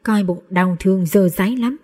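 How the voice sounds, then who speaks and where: A woman narrating a novel aloud in a steady, measured storybook reading. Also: medium pitch. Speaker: audiobook narrator.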